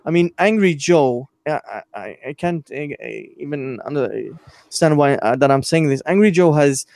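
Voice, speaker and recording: A man hosting a casual online stream chat, talking in halting sentences full of fillers and restarts. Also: fairly high pitch, lively intonation, creaky, a little mellow, no room sound. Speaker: podcast host.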